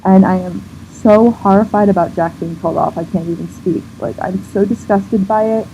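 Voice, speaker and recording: A woman's voice: medium pitch, fairly even intonation, moderate pace, mellow. A woman vlogger in an emotional rant to camera, indignant and near tears, swearing and restarting her sentences. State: on the verge of tears. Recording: dull lo-fi sound with faint background noise.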